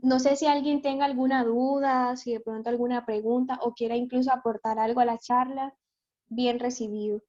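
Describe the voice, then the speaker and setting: A woman gives an earnest, prayerful devotional talk to a youth group. Her voice sits fairly high, and the audio is dull and lo-fi. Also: fairly even intonation, moderate pace, warm tone.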